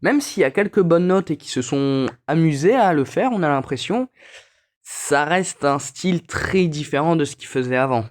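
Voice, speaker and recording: A man's voice: on the high side, animated, normal speed. A man casually explaining in a voice-over, plain and a little annoyed. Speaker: music reviewer.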